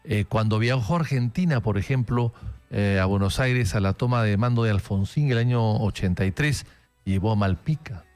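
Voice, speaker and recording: Hosting a political interview on the radio, a man from Peru shares anecdotes in a chatty way, often filling pauses with "eh." His voice is lowish and a little mellow, he speaks at a moderate pace, and faint music plays behind him.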